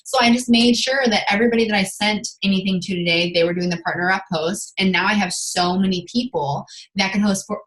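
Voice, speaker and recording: A woman's voice: medium pitch, fairly quick, hardly any pauses, fairly bright tone. A woman on a video call, chatting casually with her team in a rambling, filler-heavy way. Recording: roomy video call audio.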